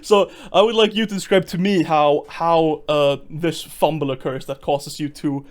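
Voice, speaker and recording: A man acting as game master for a tabletop game, his voice sitting a little high. He explains rules in a loose, halting way, stumbling over restarts and breaking into chuckles. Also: steady tone, slight background noise. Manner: hesitant, many fillers and restarts, chuckling.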